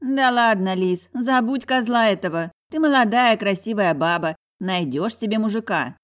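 Larisa, a woman doing a loud brash girlfriend. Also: medium pitch, normal speed, pitched above the performer's own voice, lightly acted. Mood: consoling. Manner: loud, coarse, emphatic. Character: brash, glamorous woman friend, blunt and bossy.

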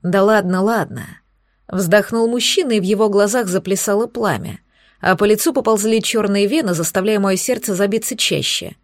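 A woman narrating first-person fiction in an expressive, wry way, close to the mic. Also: mid-range voice, a little fast, no room sound.

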